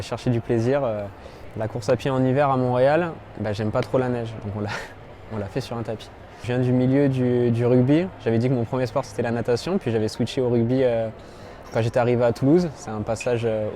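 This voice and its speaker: A man in his twenties from France, telling his story as an amateur triathlete in a halting way, with many fillers and restarts. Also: medium pitch, dark tone, slight background noise. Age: 20s. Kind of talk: personal interview monologue.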